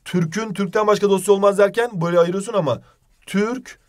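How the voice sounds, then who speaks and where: A man with a slightly high voice runs an exam-prep grammar lesson. He talks straight to his students and rattles off examples in quick lists. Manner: direct, addresses students informally. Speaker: teacher.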